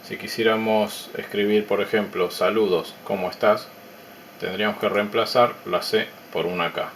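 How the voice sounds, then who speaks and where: A man calmly narrating a technical demo of his electronics project in a measured, explanatory way with pauses. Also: on the low side, a little hiss or hum.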